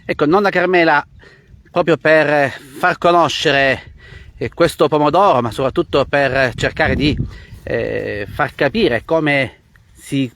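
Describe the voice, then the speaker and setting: A man hosting a live outdoor interview, addressing viewers and pausing mid-phrase. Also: on the high side, a bit bright, slight background noise. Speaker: host and interviewer of a live stream. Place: outdoors in the countryside.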